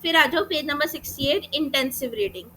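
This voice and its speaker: A woman with an Indian accent teaches an exam-prep class, walking through each step and answering her own questions as she goes. Her voice sits high and sounds bright and clear. A faint hiss runs underneath. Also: a little fast, poor audio. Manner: explains step by step, rhetorical questions, frequent "theek hai".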